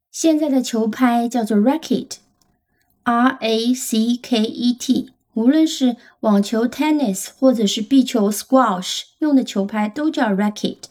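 A woman's voice: on the high side, dark tone. A woman teaching English vocabulary on the radio, patiently explaining and spelling words out letter by letter.

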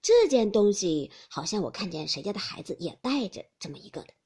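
An elderly matriarch of a noble house chides and indulges in measured tones, as a woman storyteller puts her on. Her pitch swings with lively turns. A breathy softness colors the voice. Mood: chiding.

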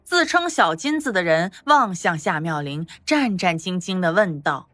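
Woman, audio drama narrator, expressive storytelling, dry close sound. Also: on the low side, normal speed, no room sound, faint music behind.

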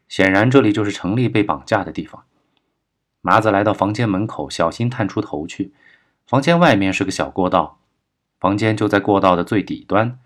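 A male audiobook narrator with a lowish voice, reading a crime novel at a steady, measured pace. The delivery is even and controlled.

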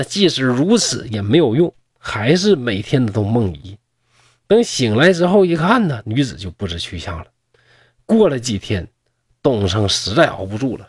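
A man's voice: mid-range voice, slightly rough, no room sound, clean studio sound. A man telling a folk tale in a chatty manner with mocking asides. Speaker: storyteller.

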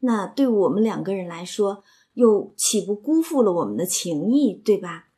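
A woman voicing a young nobleman who pleads and coaxes his upset cousin, in her own husky voice. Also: mid-range voice, expressive, moderate pace, mellow, close to an everyday voice. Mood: coaxing. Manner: pleading, coaxing.

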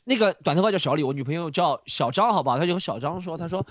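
A man's voice: a little high, animated, fast, dry recording, clean studio sound. A man hosting a podcast, telling a story in casual chat, acting out the quoted lines and laughing often. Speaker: podcast host.

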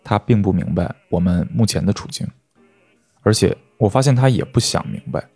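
A man reading a short story aloud as host, in calm, even narration. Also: on the low side, normal speed, slightly rough, dry recording, soft background music. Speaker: host and reader.

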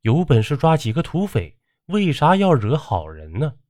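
A man's voice: on the low side, big pitch swings, normal speed, a little mellow, no room sound, studio quality. A man playing a stern, upright old village doctor who talks firmly and bluntly. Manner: firm, blunt.

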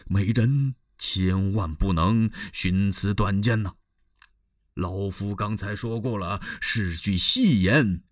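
A man's voice: lowish voice, slow, no room sound, studio quality. A male storyteller voicing a doting, blustering old chancellor who coaxes and fusses. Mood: coaxing. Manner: fussing, coaxing old voice.

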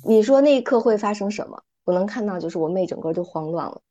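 A middle-aged woman speaking calmly and thoughtfully as a podcast guest, retelling little stories as she reflects. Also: mid-range voice, fast. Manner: calm, thoughtful, retells stories with light acting. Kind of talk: reflective casual chat with storytelling.

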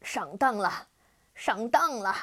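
A woman putting on a booming horned demon king. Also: very animated, slow pace, heavily acted. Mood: furious. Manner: booming, gloating laughter. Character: boastful horned demon king, big, cruel. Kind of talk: storybook reading.

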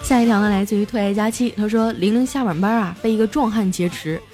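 A young adult woman hosting a comedy show, reading listener jokes aloud in a playful, lively way and chuckling at them. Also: quick pace. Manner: playful, chuckles at the jokes, jumps high for quoted voices. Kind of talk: lively comic joke reading. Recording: background music under the voice.

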